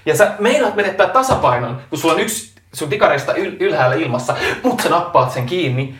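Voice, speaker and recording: A man's voice: a little high, expressive, a bit bright. A man running a tabletop role-playing game as game master, telling the story dramatically with hesitant fillers. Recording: roomy, distant mic, faint noise.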